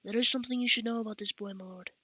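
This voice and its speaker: A mysterious ranger who speaks softly, quiet and measured, as a woman reads him. The bright, dry voice stays low-key in this storybook. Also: fairly even intonation, husky, no echo. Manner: quiet, soft-spoken. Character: mysterious, soft-spoken male ranger.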